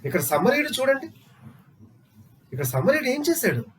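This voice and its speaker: A man's voice: very high-pitched, very animated, normal speed, a little hiss or hum. A man preaching a sermon, asking his listeners rhetorical questions and repeating phrases for emphasis.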